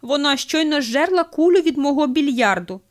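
A woman voicing a male bartender who complains loudly and indignantly. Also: a little high, animated, a little fast, voice pushed up, natural voice. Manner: indignant and loud.

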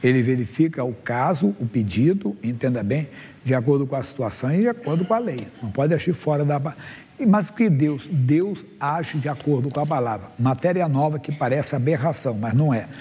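A man's voice: mid-range voice, a little fast, husky. Man in his sixties preaching in a hall. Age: 60s. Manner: preaching with animated Bible readings and questions to the congregation. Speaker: pastor. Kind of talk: sermon. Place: church stage before a congregation. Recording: long hall reverb.

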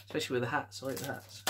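Scottish male collector, tense bright tone, casual offhand delivery at home, faint hiss behind. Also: mid-range voice. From Scotland. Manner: offhand quick verdicts, chuckles to himself. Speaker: collector showing his film collection. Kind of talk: casual chat.

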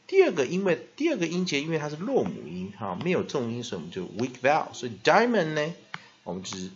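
A male English teacher explaining word pronunciation in a vocabulary lesson with a Taiwanese Mandarin accent, slowly stretching out example words and dropping a filler "ha" between phrases. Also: a little high, wildly swooping pitch, lo-fi sound. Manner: drawn-out repeated demonstration words, frequent filler "ha".

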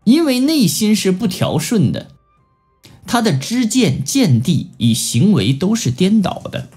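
A man's voice: sits high, a little slow, breathy edge, soft background music. A man giving a Buddhist scripture lecture, telling stories and acting out the people he quotes. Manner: animated storytelling with acted-out quotes. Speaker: Buddhist teacher.

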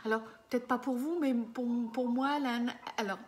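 Brisk and fairly even in intonation, her slightly high voice carries a live client reading from a small indoor room. She's a medium in her fifties on a desk webcam, hesitant and filler-prone, repeatedly checking in with her listener.

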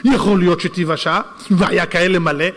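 A man who is a rabbi giving a Torah lesson, an animated storyteller who acts out the dialogue of the people in his tales. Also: high-pitched, in a large hall.

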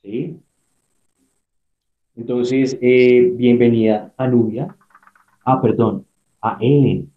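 A man's voice: mid-range voice, fairly even intonation, very slow, long pauses. Man teaching art, tinny echoey sound. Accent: Colombian Spanish. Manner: patient, step-by-step, checks in often. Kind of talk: prerecorded online art class.

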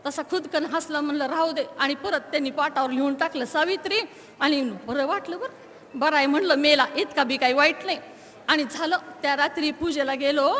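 A woman tells a story on stage with dramatic flair, jumping between narration and acted voices. Her voice sits very high and bright. A long hall reverb trails behind her. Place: stage at a literary conference hall.

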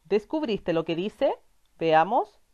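A woman leads a children's reading lesson, speaking slowly and patiently. Her pitch rises and falls a lot as she encourages the listener and answers her own questions. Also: sing-song, dark tone, dull audio. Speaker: teacher.

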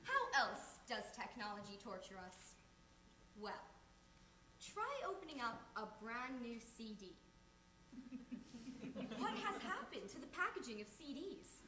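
Animated high-voiced young woman doing comedy. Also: unhurried, long pauses. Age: late teens. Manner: animated, incredulous comic delivery. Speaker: student performer. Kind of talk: memorized comic recitation. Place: school auditorium. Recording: echoey hall with background noise. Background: audience laughter.

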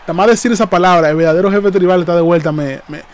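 A man hosting a live reaction stream, excitable and hyped, repeating phrases and calling out to his viewers. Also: high-pitched, rapid-fire, slight background noise.

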